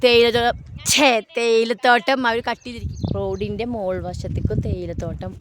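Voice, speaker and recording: A woman's voice: on the high side, little pitch movement, a little fast. A woman chatting casually for a vlog, exclaiming often and mixing in English slang. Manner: Malayalam mixed with English slang; exclamatory, full of admiring interjections. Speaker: travel vlogger. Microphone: phone. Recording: noisy outdoor phone video.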